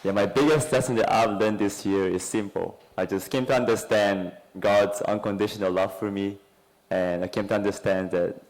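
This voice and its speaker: A man from Hungary gives a brief testimony in plain, grateful words, pausing here and there. His voice sits low. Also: fairly even intonation, poor audio. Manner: simple, grateful, slightly halting. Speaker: church member giving testimony. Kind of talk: short personal testimony.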